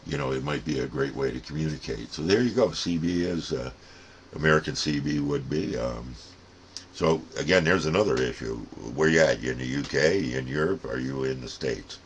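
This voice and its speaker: An older man with a bass voice talks fairly quickly over slight background noise. As a plain-spoken hobbyist host of a radio channel, he gives a casual, folksy, rambling explanation.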